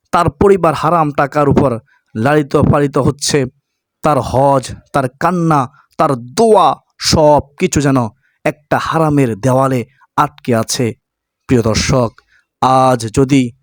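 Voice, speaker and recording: A man's voice: fairly high pitch, no room sound. A man preaching a sermon, earnestly urging listeners and addressing them directly. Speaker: Islamic preacher.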